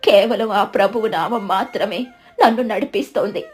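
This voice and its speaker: A woman voicing a frail, lonely old village woman who speaks weakly and slowly, in a storybook. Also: mid-range voice, close to an everyday voice. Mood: tender. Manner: weak, slow, pleading. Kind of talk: storybook narration.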